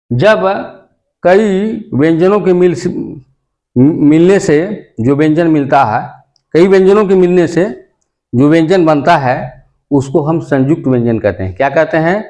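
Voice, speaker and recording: Guy teaching grammar real slow, kinda high voice, keeps asking and answering his own questions. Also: darkish tone. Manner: repeats points and quizzes the listener; slow, deliberate delivery. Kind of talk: classroom-style grammar lesson.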